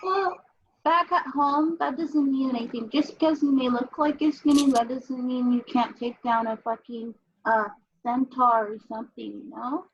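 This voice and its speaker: A woman's voice: high voice, steady tone, moderate pace, husky. A woman playing in a tabletop game, bubbly and eager. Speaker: player. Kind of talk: casual tabletop play. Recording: dull lo-fi mic with faint hiss.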